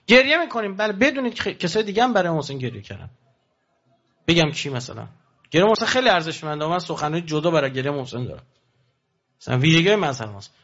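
A man's voice: a bit bright, muffled recording. A man preaching a passionate sermon to pilgrims, asking rhetorical questions and swinging his voice sharply up and down. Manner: impassioned, rhetorical questions, sudden rises and drops in pitch.

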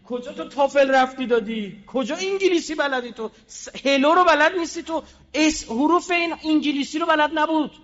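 High-voiced man giving a fiery speech. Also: long reverb tail, lo-fi sound. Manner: combative, with rhetorical questions and sudden swings between loud and quiet. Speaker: public speaker.

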